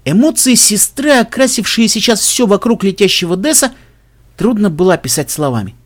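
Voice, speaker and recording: A man narrating a storybook aloud with expressive delivery. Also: sits high, a little fast. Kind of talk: storybook reading.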